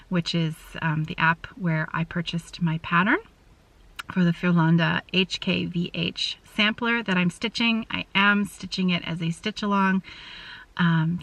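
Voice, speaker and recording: A woman's voice: fairly low pitch, a bit bright, far from the mic. A woman chatting casually with her viewers outdoors as a crafting vlogger, rambling a little and restarting her sentences. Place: outdoors in sunshine.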